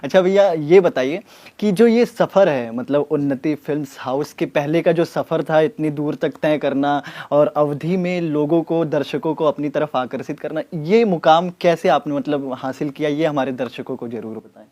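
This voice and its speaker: A man's voice: a little high, normal speed, mellow. A man interviewing a guest politely and respectfully, with frequent fillers. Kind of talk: interview questions.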